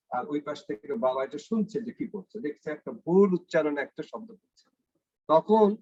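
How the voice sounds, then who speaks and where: A man's voice: on the high side, darkish tone, breathy edge, no echo. Man lecturing with rhetorical questions. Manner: conversational, asks rhetorical questions, mixes in English phrases. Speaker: university professor lecturing teachers. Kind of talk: lecture to teachers, told in stories. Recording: dry, dull lo-fi recording.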